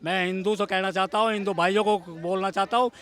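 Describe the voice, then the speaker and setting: A man's voice: high voice, fairly even intonation, quick pace, a bit bright. A man in a street interview outdoors, declaiming like a speech and making accusations. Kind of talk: heated street vox pop.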